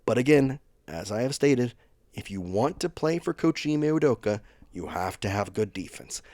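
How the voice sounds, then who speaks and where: A man's voice: medium pitch, expressive, moderate pace, a little mellow, no echo, clean studio sound. A man hosting a sports channel, talking through team news in a chatty, opinionated way that speeds up in bursts. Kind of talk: casual sports commentary vlog.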